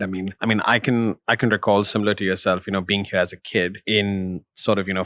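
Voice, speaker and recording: A man's voice: lowish voice, a bit bright, dry recording. A man hosting a podcast interview, introducing his guest and asking curious, upbeat questions. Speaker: podcast host.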